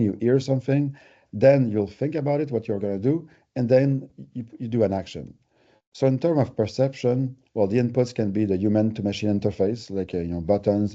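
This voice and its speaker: A company presenter with a French Canadian accent gives a conversational webinar, explaining things through everyday examples. His lowish voice sounds mellow, and the recording has its highs cut off.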